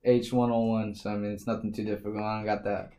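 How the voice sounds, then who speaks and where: A young man, a high school baseball player, chatting casually as a podcast guest in laid-back slang. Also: flat delivery, quick pace, mellow. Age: young adult. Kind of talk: casual chat.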